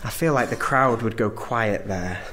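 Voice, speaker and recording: A man preaching a sermon, phrasing his points emphatically with measured pauses. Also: lowish voice, sharp tone, slight background noise.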